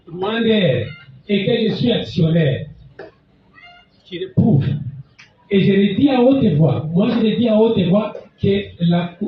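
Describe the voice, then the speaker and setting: An indignant man from Congo pleads his own defense, emphatic and repetitive, his voice fairly high for a man. He is heard from across an echoey courtroom on a dull, muffled recording with faint background noise. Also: distant mic. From Congo (DRC). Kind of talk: courtroom self-defense statement.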